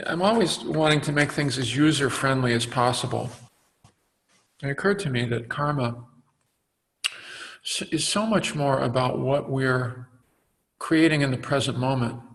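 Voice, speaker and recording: A man giving a dharma talk as a meditation teacher, reflective and halting, with frequent fillers and restarts. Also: medium pitch, fairly bright tone, a little hiss or hum, low-quality recording.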